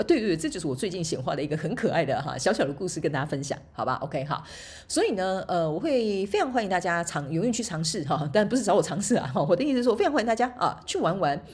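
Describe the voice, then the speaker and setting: Woman podcast host, husky low voice, lively pitch, fast chatty storytelling with frequent laughs. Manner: chatty storytelling, laughs often, tag particles. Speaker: podcast host and motivational speaker. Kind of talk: casual solo podcast talk.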